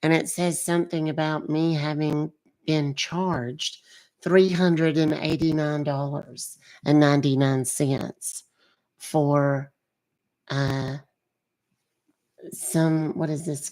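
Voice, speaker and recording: A man putting on a confused, apologetic elderly woman who talks slowly and calls people dear. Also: on the high side, level tone, a little mellow, voice pushed up. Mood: polite confused. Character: polite, confused elderly woman phoning for a refund. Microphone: phone call.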